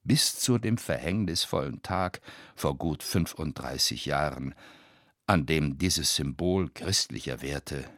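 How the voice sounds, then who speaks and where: Super deep husky guy narrating a spooky audiobook, slow, dry close sound. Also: expressive, a bit bright, no room sound. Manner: suspenseful, measured storytelling.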